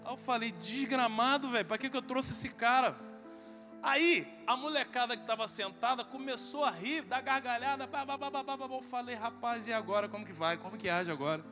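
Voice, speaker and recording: A man with a Brazilian Portuguese accent delivers humorous sermon storytelling at a men's congress, voicing every line of dialogue himself. His voice is very high-pitched, bright and forceful, and a little fast. Faint music and reverb fill the large hall.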